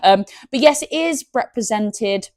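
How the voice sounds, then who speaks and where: A woman's voice: fairly high pitch, expressive, unhurried, a little mellow, no room sound, clean studio sound. A woman hosting a gaming channel, chatting enthusiastically about box art and often stumbling over her words. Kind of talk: casual unboxing commentary.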